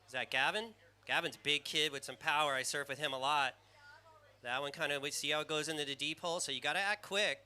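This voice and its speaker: A fast-talking man with a squeaky surfer voice gives rambling, excitable live commentary on a surf contest, calling out riders by the colors of their jerseys.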